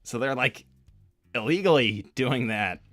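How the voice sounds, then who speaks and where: Man voicing a bright, hesitant young cartoon hedgehog hero. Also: mid-range voice, lively intonation, unhurried, no echo, soft background music. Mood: unsure. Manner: hesitant, casual slacker drawl with many likes. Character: Sonic, young male cartoon hedgehog hero, laid-back and unsure. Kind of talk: improvised in-character livestream chat.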